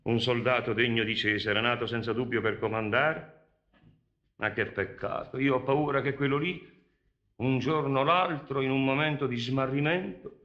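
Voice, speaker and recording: An actor playing a sly, hearty soldier and false friend, in theatrical period film style. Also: male voice, mid-range voice, fairly even intonation, normal speed, close to an everyday voice. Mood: feigned concern. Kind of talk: theatrical Shakespearean film acting in Italian. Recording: dull old film soundtrack.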